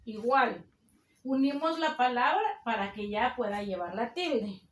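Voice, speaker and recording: Woman teacher, slow deliberate delivery, fairly high voice, echoey room, faint ambience. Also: slight background noise. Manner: slow, deliberate, dictates rules aloud. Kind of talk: recorded spelling lesson.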